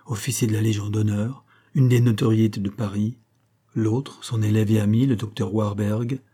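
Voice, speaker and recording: Brief: male audiobook narrator, husky and dark-toned, deliberate literary reading. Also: fairly low pitch.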